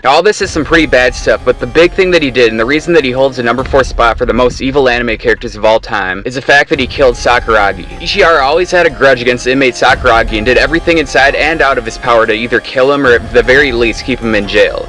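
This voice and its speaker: Guy doing a top ten countdown voiceover, talks fast, blunt n sweary opinions, music in the back. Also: medium pitch, pushed and bright, poor audio. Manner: blunt, casually profane.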